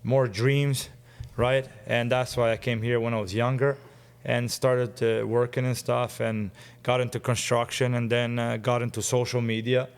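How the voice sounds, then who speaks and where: A man's voice: mid-range voice, level tone, normal speed, clean tone. A man in his forties, a guest telling stories in casual chat, eager and rambling with frequent chuckles. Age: 40s.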